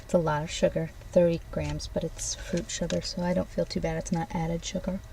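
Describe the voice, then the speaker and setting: A woman doing an ASMR ASMR role-play in a soft, hushed voice, speaking gently and directly to the listener. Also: lowish voice, flat delivery, fairly quick, vocal fry, a little hiss or hum, low-quality recording. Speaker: ASMR host. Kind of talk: soft ASMR ASMR role-play, tasting snacks and reading oracle cards.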